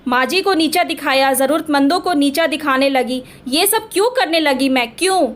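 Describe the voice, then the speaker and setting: A woman's voice: high-pitched, moderate pace, lightly acted. A woman voicing a young daughter-in-law who becomes a proud officer, speaking with strong emotion. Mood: remorseful. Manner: emotional, pleading at times.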